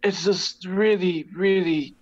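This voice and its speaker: A man playing an eerie, calm masked metal-band chieftain, speaking formally in a measured way and dropping into sinister whispers. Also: high voice, highs cut off, a loud crowd. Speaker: band member in persona.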